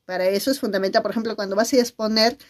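A woman's voice: medium pitch, steady tone, very fast. A middle-aged woman teacher giving a video lesson, talking expressively and often checking in with her listeners. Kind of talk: video lesson on nonverbal communication.

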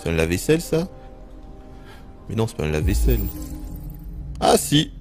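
A man does casual let's play commentary in a lively, swooping voice, joking crudely as he plays. His pitch jumps around as he reacts. Faint game music sits behind him. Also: normal speed. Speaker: streamer.

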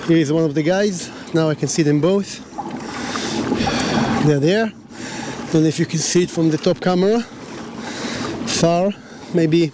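Israeli man talking halting English from a kayak. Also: a little high. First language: Hebrew. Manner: halting, many fillers and restarts. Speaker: fishing vlogger. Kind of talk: casual talk to camera. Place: kayak out at sea. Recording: wind and water noise behind.

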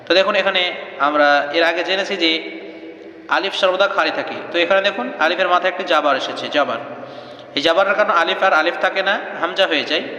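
A man teaching Quran reading, spelling out letters and marks, then chanting the joined words slowly in a sing-song way. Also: high voice, pushed and bright. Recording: echoey room with long reverb.

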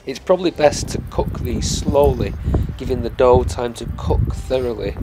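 A man's voice: mid-range voice, moderate pace, over music. A middle-aged man from England, walking through an outdoor cooking tutorial in a friendly, step-by-step way, recorded outdoors in woodland. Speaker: family nature educator.

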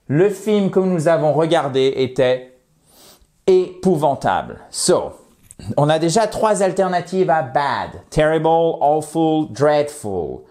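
A man giving a playful video lesson on English vocabulary, saying English example sentences slowly and clearly. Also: a little high. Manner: lively, playful, shifts between French and slow English examples. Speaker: English teacher.

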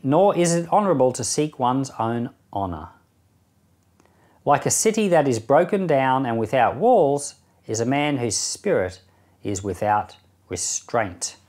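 A middle-aged man with a lively, varied pitch reads from the Bible and adds informal commentary. He is a pastor who presents a Bible podcast, speaking seated in a small indoor meeting room.

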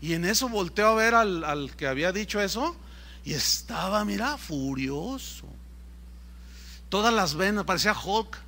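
A male pastor, preaching a sermon and telling a personal story in an animated way. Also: high voice, normal speed. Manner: animated, acts out scenes.

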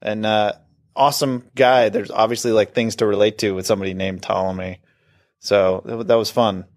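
A man's voice: fairly low pitch, steady tone, moderate pace. A middle-aged man from Northern California, an actor guest chatting casually in an interview, rambling and self-deprecating with restarts.

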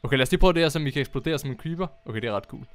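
A young man chatting casually as he plays a game on his channel, excitable and quick to laugh. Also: mid-range voice, faint music behind. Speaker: gaming YouTuber. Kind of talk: casual Minecraft commentary.

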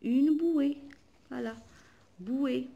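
A woman's voice: sits high, drawn-out words, creaky, highs cut off. A woman teacher, patiently explaining a workbook lesson and spelling letters aloud. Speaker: primary school teacher.

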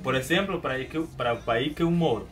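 A man's voice: mid-range voice, fairly quick, faint music behind. Venezuelan man vlogging in Portuguese, hesitant. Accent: Venezuelan Spanish. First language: Spanish. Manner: hesitant, many restarts and repeated words; animated hand gestures. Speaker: YouTuber. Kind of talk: casual vlog to camera. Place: small indoor room at home.

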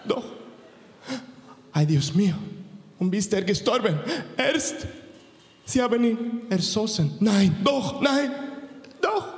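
A man's voice: high-pitched, very animated, takes it slowly, pauses often, voice pushed up, full character voice. A man voicing two melodramatic middle-aged telenovela women, trading hysterical gasps and rising shrieks. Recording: roomy stage with long reverb.

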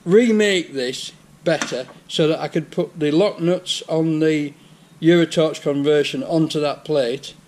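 A man's voice: on the high side, measured pace, darkish tone, slight background noise. An older man with a Yorkshire accent, chatting through a repair in his garage workshop on a head-worn camera. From England. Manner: chatty, explaining repairs step by step. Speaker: vlogger. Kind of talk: casual workshop vlog. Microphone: head-mounted action camera.

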